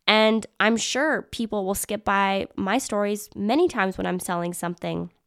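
Upbeat chatty woman, smooth and dry. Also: medium pitch, moderate pace, dry recording. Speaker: podcast host and business mentor. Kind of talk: casual solo podcast talk.

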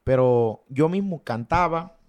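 A man, speaking as a singer who is the guest in a relaxed interview. He tells anecdotes in an animated way, breaking into sound effects and acted snippets of dialogue. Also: fairly high pitch, measured pace, muffled recording. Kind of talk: casual storytelling interview.

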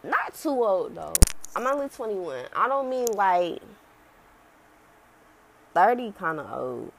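Brief: young woman, early twenties, solo podcast host, loose rambling slangy chat, mid pitch. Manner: rambling, candid, slangy and conversational. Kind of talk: casual solo podcast talk.

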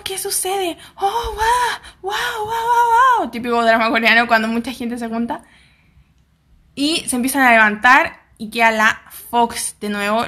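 A woman's voice: fairly high pitch, bright, forceful tone. A young Chilean woman with a Chilean accent, casually retelling a drama's plot in a chatty way and acting out the characters' lines. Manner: chatty, acts out characters' lines, slangy asides.

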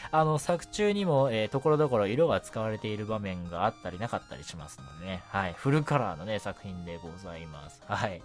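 Speaking quickly and with hardly a pause, a low-voiced, expressive man runs a solo late-night radio program on anime and manga. Faint music plays behind him as he keeps up a polite, chatty presenter style dotted with brief self-affirmations.

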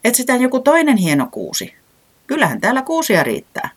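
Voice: medium pitch, wildly swooping pitch, breathy edge, pitched above the performer's own voice. A narrator voicing a cheerful, contented forest creature. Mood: encouraging. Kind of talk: children's storybook reading.

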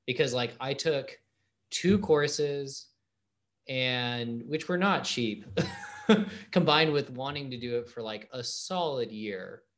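A man's voice: mid-range voice, slow pace, a bit bright. A man hosting a podcast in a casual interview chat, laid-back and slangy, laughing easily. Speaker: podcast host.

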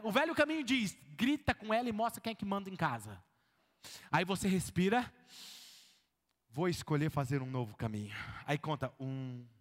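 Brazilian male pastor, very high-pitched, preaching to his congregation in a reverberant church hall, checking in with them often. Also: a bit bright. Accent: Brazilian Portuguese. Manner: keeps asking the congregation if they follow; acts out everyday scenes in a lowered voice. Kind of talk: sermon.

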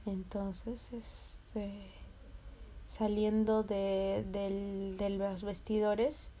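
A woman's voice: mid-range voice, extremely slow, slight background noise. A young woman with a Peruvian accent telling a personal story casually, laughing and acting out the voices of others. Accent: Peruvian Spanish. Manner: animated, laughing, swearing, acting out quoted voices. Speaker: vlogger.

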